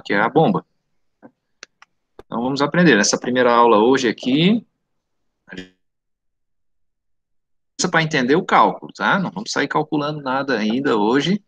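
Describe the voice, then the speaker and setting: A middle-aged male teacher lectures informally in a Santa Catarina Brazilian accent, turning his s into a slushy sh. His pitch is average and the sound is dry, as on a close video-call microphone. He talks conversationally, often adding little checking tags. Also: a bit bright, dry recording. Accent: Santa Catarina Brazilian Portuguese. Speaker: technical course teacher. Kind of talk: informal live online lecture. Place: indoor room at home, online video call.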